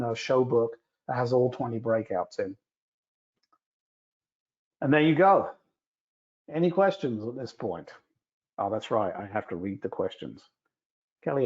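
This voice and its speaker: Man teaching software over a dull stream. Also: mid-range voice. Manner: relaxed, explanatory, answers questions with frequent fillers. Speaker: guest instructor. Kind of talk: live software tutorial with audience questions. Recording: slightly dull streamed audio.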